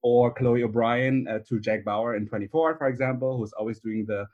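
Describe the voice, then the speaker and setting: A man's voice: mid-range voice, normal speed, a little mellow, highs cut off. Friendly, upbeat male podcast guest. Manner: friendly, upbeat, laughs easily. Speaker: podcast guest, analytics director. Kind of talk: casual podcast interview.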